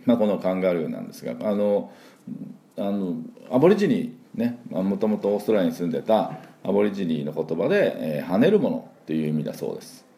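Low gravelly man teaching pronunciation. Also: sing-song, fast, warm tone. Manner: chatty, many fillers, repeats words for learners to echo. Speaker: English pronunciation teacher, podcast host. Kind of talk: casual spoken lesson.

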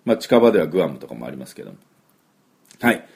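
A middle-aged man giving a chatty English pronunciation lesson, with drawn-out fillers and model words repeated for the listener to copy. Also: a bass voice, big pitch swings, gravelly, a little mellow. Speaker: English teacher.

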